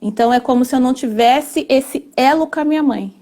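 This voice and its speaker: A family constellation therapist explains things earnestly, her mellow, high-pitched voice moving a little fast. She hesitates often and leans on tag questions throughout this explanatory conversation.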